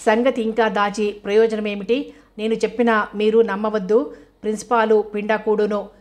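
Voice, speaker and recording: A woman's voice: medium pitch, level tone, normal speed, a little mellow, natural voice. A woman reading as a furious scolding older woman. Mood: bitter. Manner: scolding, harsh and accusing. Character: fierce older woman denouncing a man.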